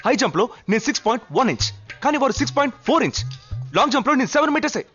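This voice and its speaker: An actor dubbing a deferential, sly young army captain who talks quickly and eagerly. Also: male voice, very high-pitched, expressive, a bit bright. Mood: pleading. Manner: quick, eager, respectful sir-ing. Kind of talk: dubbed film comedy acting. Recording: dull film audio with music.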